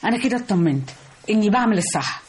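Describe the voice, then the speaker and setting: An actress with an Egyptian accent voicing a determined, polite young wife in a radio drama. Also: female voice, mid-range voice, lively intonation, racing, a little mellow, a little hiss or hum, lightly acted. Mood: earnest. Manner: earnest, polite, resolute.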